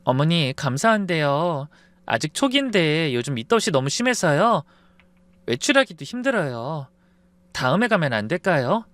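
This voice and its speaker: A man voicing an evasive, polite young fiancée who talks softly and apologetically in a story. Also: on the high side, sing-song, normal speed, no echo. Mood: hesitant. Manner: soft, pleading, apologetic.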